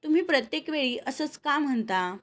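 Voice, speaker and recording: Woman doing quiet young man, courteous, soft-spoken, family audio story. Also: high voice, animated, brisk, pitched above the performer's own voice.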